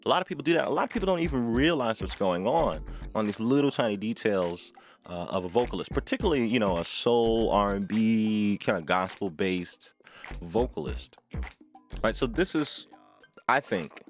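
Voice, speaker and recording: This talkbox player, whose voice sits on the low side, talks animatedly at a normal speed while giving an informal music lesson to camera. He repeats phrases with emphasis and frequently looks for agreement by asking "right?".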